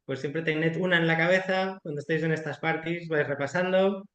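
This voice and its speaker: A man's voice: on the high side, brisk. Frank man, echoey room. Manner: frank, colloquial, animated explanations with quoted asides. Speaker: startup investor and guest expert. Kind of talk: explanatory webinar talk.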